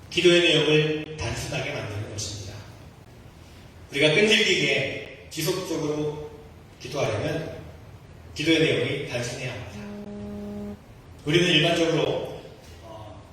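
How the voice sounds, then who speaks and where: A man's voice: fairly high pitch, fairly bright tone, a little hiss or hum. A male pastor delivering a sermon in a church sanctuary, earnest and asking the congregation rhetorical questions. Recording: echoey hall from far off.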